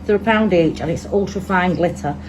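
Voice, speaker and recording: Brisk and chatty, a Mancunian woman with a lowish voice thinks out loud while working through a resin tutorial by hand. Under her speech run a constant background hum and passing traffic.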